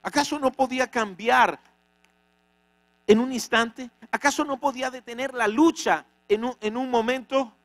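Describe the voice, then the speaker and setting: A pastor preaching a sermon, dramatic, with many rhetorical questions. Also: male voice, very high voice, fairly even intonation, moderate pace, fairly bright tone, no room sound. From Venezuela. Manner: dramatic, rhetorical questions, acts out quoted voices. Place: church.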